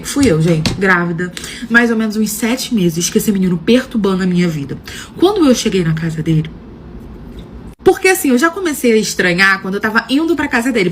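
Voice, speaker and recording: A woman's voice: a little high, a little hiss or hum. A young woman telling a personal story casually, acting out quoted dialogue with dramatic flair and often tossing in filler phrases. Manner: frequent filler "não sei o quê".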